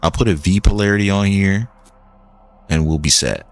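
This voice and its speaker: Deep-voiced young man rambling on stream. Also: normal speed, faint music behind. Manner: rambling, loose, with lots of "like" and restarts. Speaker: game streamer. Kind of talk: casual gaming commentary.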